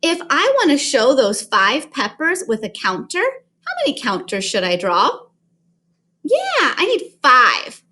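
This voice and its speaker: A woman kindergarten teacher leads a children's lesson like a kids show host. Her voice sits high and swings widely in a sing-song way, with slow, deliberate delivery as she addresses the children directly. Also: sing-song, bright, forceful tone. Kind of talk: children's math lesson, counting along.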